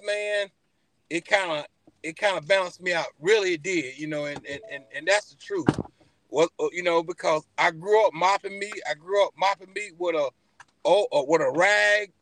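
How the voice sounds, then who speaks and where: A man with a Southern US accent telling stories casually as an interview guest, animated and folksy, repeating phrases for emphasis. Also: sits high, no echo, rough recording. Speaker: podcast guest, barbecue pitmaster.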